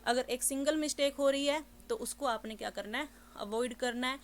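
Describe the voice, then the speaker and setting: A woman teaching an English exam lesson, explaining step by step and reading sample passages slowly and deliberately. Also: sits high.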